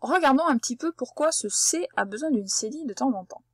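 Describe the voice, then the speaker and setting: Brisk and animated, with a high voice and a breathy edge, a woman teaches young children to read. She patiently breaks words into syllables and talks straight to the child, calling them tu. The recording is dry.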